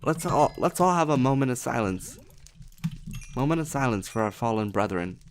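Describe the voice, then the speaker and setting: A man hosting a video game let's play, commenting in a profane, excitable and jokey way. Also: mid-range voice, normal speed, a little hiss or hum.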